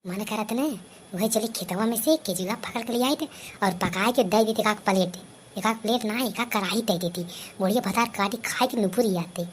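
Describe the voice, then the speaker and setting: A woman's voice: medium pitch, normal speed. A woman with an Awadhi accent voicing a put-upon young daughter-in-law who grumbles and mocks in a cartoon comedy, with faint noise behind. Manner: grumbling, mocking asides. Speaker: comedy voice artist. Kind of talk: scripted cartoon comedy dialogue.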